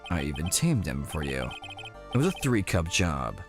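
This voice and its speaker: A man doing a deep smug prosecutor. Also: sing-song, music in the background, heavily acted. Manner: slow, smug, low drawl.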